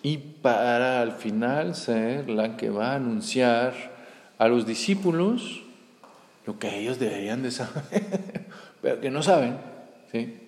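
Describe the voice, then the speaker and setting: Slow-speaking man preaching in an echoey hall. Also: mid-range voice, lively intonation, a little mellow. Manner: conversational, with frequent tag questions. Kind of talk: sermon. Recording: echoey hall with long reverb.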